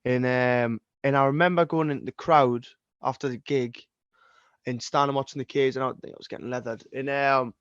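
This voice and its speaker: A man's voice: mid-range voice, steady tone, moderate pace, clear, resonant tone, no echo. Young man, Geordie accent, casual rambling chat, swears a lot, muffled dry sound. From Northeast England. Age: 20s. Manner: sweary, rambling, many restarts. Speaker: guest singer-songwriter. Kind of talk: casual podcast interview.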